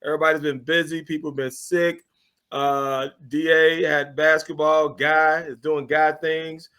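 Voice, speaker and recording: A man's voice: a little high, level tone, measured pace, sharp tone, clear, resonant tone. A man hosting a casual sports talk show from a cafe studio, loose and joking as he steers the chat. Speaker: podcast host.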